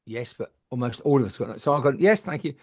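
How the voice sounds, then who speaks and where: A middle-aged woman, a medium, telling candid stories in lively chat, swearing freely and acting out the people she quotes. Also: extremely low pitch, quick pace, husky. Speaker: guest medium.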